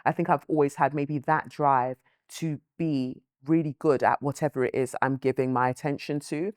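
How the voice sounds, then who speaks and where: With a rumbling low, steady, slightly mellow voice and no echo, a thoughtful woman answers interview questions reflectively as an author and guest in a dry, close recording. She was born in Nigeria and brought up in London, with Yoruba her first language, and her measured speech often includes "um" and "you know."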